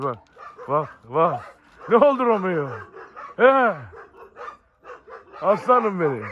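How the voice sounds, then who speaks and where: A fairly high-voiced man chats loosely to his viewers while he calls his dogs by name, coaxing and calming them as he walks around his farm. The sound is dull and lo-fi, with a faint hiss and dogs barking in the background. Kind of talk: casual outdoor vlog commentary. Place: farm outdoors.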